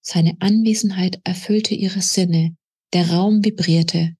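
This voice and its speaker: A woman author reading aloud from her own novel in a steady, measured narrating manner. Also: lowish voice, breathy edge.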